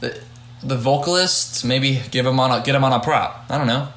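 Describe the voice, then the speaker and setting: A young man hosts a laid-back podcast and talks things over in a middle-pitched voice. He hedges often, restarts his sentences and fills gaps with "like" as he thinks aloud. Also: fairly even intonation, a bit bright, echoey room. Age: young adult. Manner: halting, hedging, many restarts. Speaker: podcast host and judge. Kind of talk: casual podcast chat.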